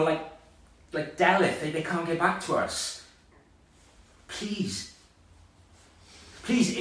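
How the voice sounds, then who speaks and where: An actor playing a frightened village taxi driver and father, radioing for help in a halting, stammering, pleading way. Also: fairly high pitch, a bit bright. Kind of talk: audio drama acting. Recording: echoey, distant, faint noise.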